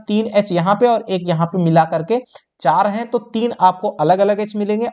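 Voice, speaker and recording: A man's voice: high voice, darkish tone. A man teaching a tenth-grade science exam lesson, calling his students children and answering his own questions as he works through each step. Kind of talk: exam-prep board lesson.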